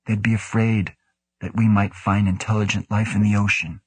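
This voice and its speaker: An earnest, puzzled male scientist who speaks in a hesitant, wondering voice, read by a man in his own husky tone. The recording is dry and close. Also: lowish voice, little pitch movement, moderate pace, no room sound. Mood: uncertain.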